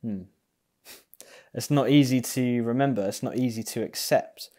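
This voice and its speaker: A man's voice: medium pitch, dark tone. A young man giving an online sermon from a small room, speaking thoughtfully on an earphone mic. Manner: unhurried, thoughtful, with many ums. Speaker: pastor. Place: small indoor room at home. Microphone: earphone mic, facing camera.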